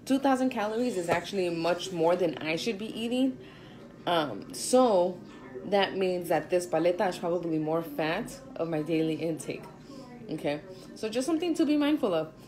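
A woman in her twenties talks in a loose, chatty vlog style, full of slang. Her voice sits a little low, and she speaks fairly loudly. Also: slight background noise, rough recording. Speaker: fitness instructor and realtor. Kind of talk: casual chat vlog.

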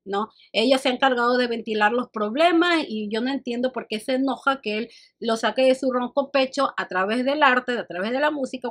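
Woman host giving measured commentary. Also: a little high, fairly bright tone. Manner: measured, analytical, addresses viewers directly. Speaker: vlog host commenting on news. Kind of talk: commentary vlog.

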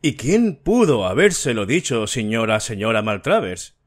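A man narrating an audiobook, voicing a fussy, sharp-eyed older detective in a dry, precise, lightly lecturing manner. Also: medium pitch, big pitch swings, normal speed. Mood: explaining.

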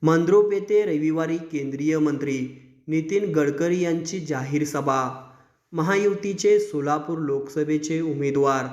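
A man's voice: fairly high pitch, measured pace, soft background music. A man reading a scripted news report as a news reader. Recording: echoey room sound.

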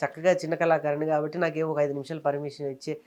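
A man in his thirties from Telangana, a comedian and mimicry artist, telling his career story in a casual interview with fast, animated delivery. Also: a little high. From Telangana, India.

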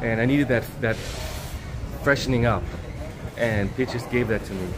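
A man's voice: mid-range voice, normal speed, over music. A middle-aged man chatting casually to camera and to people around him as a travel vlogger. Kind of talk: casual chat to camera and locals. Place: small tiled barbershop, then outdoor food alley. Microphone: handheld camera at arm's length. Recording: clear background noise, street and shop ambience.

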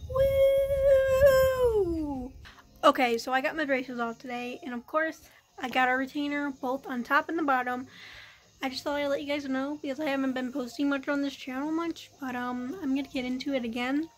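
A woman's voice: high-pitched, fairly even intonation, fairly quick, a bit bright, soft background music. A young woman chatting casually to her vlog viewers, with a slight slurred lisp from wearing a retainer, filmed on a phone at home. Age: young adult. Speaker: vlogger. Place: rooms at home. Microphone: phone at arm's length. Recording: faint room noise, phone recording.

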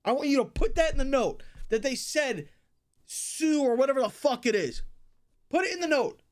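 Enraged young man yelling, high-pitched and swooping. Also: animated, moderate pace. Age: young adult. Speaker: livestream host. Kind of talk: ranting to livestream chat. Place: small bedroom streaming setup, indoors.

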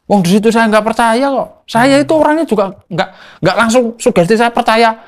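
A man's voice: extremely high pitch, normal speed. A man from Solo, a spiritual teacher telling stories as an interview guest, acting out dialogue and sound effects. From Solo, Central Java. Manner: acts out dialogue and sound effects, lively storyteller. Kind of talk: animated storytelling in a talk show interview.

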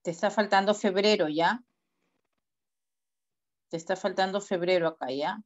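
At a moderate pace and medium pitch, a woman teacher gives online class feedback over a video call, correcting student work directly and giving instructions step by step. The sound is dull, lo-fi video call audio.

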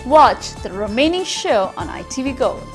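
A woman reading a scripted channel promo in a bright, upbeat manner. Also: a little high, big pitch swings, normal speed, soft background music. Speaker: promo announcer.

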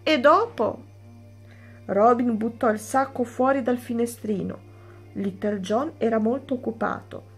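A woman teacher reading a children's story aloud, slow and clear. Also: fairly high pitch, soft background music.

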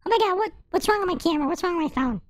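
A man's voice: very high-pitched, lively intonation, racing, no echo, studio quality. A man voicing a bratty, giggling little boy who taunts and whines in a comedic game video. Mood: playful. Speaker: gaming video creator. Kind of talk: comedic game role-play.

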